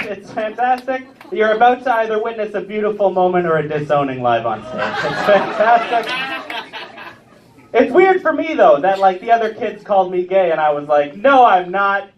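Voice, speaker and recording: A man's voice: high-pitched, noisy background. A man in his late twenties performing a live stand-up set, self-mocking and chatty with the crowd. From Ontario, Canada. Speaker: stand-up comedian. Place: comedy club stage with a live audience. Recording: distant, muffled club recording.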